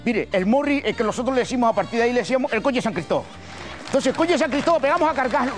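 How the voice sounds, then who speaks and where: An older Canarian man spins a folksy, colloquial comic story, his voice sitting unusually high. His pitch swoops up and down animatedly, with faint music under him. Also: expressive, rapid-fire. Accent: Canarian Spanish. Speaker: humorist. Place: TV gala stage.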